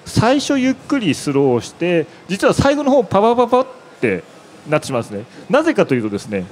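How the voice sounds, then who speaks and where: Speaking fast with a high, wildly swooping pitch, a man presents a web demo at a conference, explaining each step on an exhibition stage into a handheld mic. He fills his talk with filler words, and a little hiss or hum can be heard.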